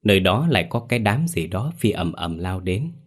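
A man's voice: low voice, sing-song, moderate pace, husky. A man narrating a ghost story in a dramatic, vivid storytelling manner.

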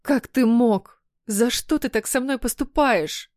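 A woman's voice: on the high side, slow, darkish tone, dry recording, clean studio sound, voice pushed up. A woman reading an audiobook, voicing a furious, tearful young wife who shrieks in indignant outbursts. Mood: hurt. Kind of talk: audiobook character voice.

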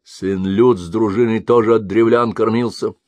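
A curt, unmoved old mercenary warlord with a low, gruff voice, played by a male storyteller. He grumbles his words in a close, dry audiobook recording. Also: steady tone, normal speed, darkish tone, no room sound, close to an everyday voice.

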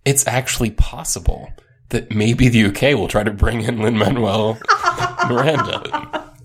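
A man co-hosting a podcast, laid-back in casual chat and quick to agree with short replies. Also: medium pitch, big pitch swings, slightly rough. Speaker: podcast co-host.

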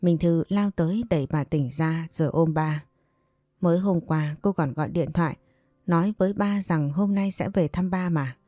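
A woman narrating a family drama story in a calm, steady storytelling manner. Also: low-pitched, normal speed, no room sound, studio quality, faint music behind.

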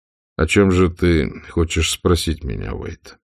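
A man voicing a wry grown man in an audiobook, drawling and gently mocking. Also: low-pitched, animated, measured pace, vocal fry, dry recording, studio quality, exaggerated voice. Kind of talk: audiobook character voice.

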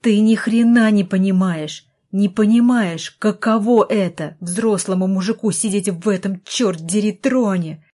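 A woman reading an audiobook, voicing an embittered young man in a wheelchair who snarls and yells. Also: lowish voice, fairly even intonation, moderate pace, close to an everyday voice. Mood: furious. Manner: snarling, furious outbursts.

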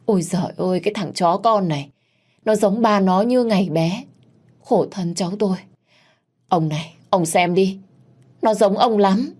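Woman voicing a soft-hearted older mother. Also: low voice, moderate pace. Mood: tearful. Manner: hesitant, emotional.

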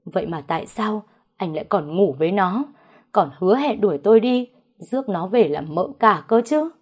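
A woman's voice: medium pitch, lively intonation, normal speed, darkish tone, breathy edge. A woman voicing a wronged, jealous young wife who screams curses and accuses through tears. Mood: bitter.

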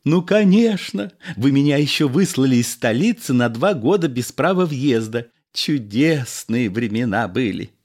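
A man voicing a nostalgic former card sharp who talks in effusive exclamations. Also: medium pitch, animated, a little slow, hardly any pauses, voice pushed up. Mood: gushing nostalgia.

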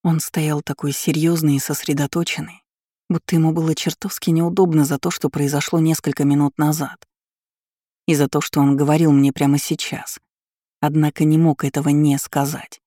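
A man reading a first-person novel aloud in a steady, measured way. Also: a little high, no room sound, clean studio sound. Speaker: audiobook reader.

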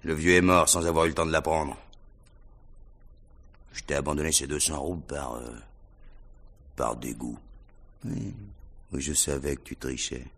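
An actor playing a rich, reckless young merchant's son who swings from low mutters to roaring shouts, in a 1960s radio drama. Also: male voice, moderate pace, creaky, long pauses, full character voice. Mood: taunting.

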